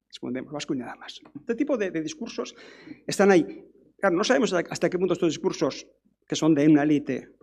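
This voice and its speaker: A man's voice: a little high, gravelly, darkish tone, husky. A middle-aged man giving a conference lecture, talking in a discursive way with frequent restarts and tag questions. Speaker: academic speaker.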